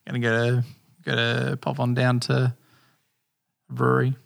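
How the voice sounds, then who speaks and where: An Australian man co-hosts a podcast with a rough, gravelly edge to his voice. He chats loosely and jokingly, breaks into laughs often and swears freely. His pitch sits in an ordinary middle range for a man. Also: completely flat delivery, a little slow. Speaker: podcast co-host. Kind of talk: casual chat.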